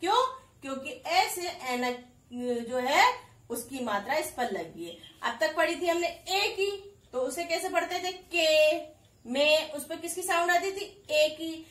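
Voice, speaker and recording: A woman with a high voice gives a recorded Hindi lesson to kindergarten pupils, speaking slowly and stretching out each syllable. She repeats sounds, asks the children questions and answers them herself. The voice sits a little away from the mic in an echoey room. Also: animated, a bit bright, recorded from a distance. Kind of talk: recorded online class lesson.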